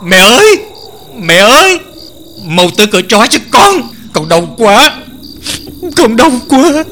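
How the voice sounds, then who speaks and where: A man's voice: very high voice, big pitch swings, a little slow, pushed and bright, pitched above the performer's own voice, full character voice. A man voicing a terrified young girl who cries and pleads for her mother. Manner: screaming and pleading. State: crying.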